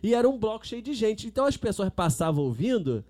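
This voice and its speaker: A man telling an animated party story in a casual chat, laughing as he goes. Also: high-pitched, quick pace.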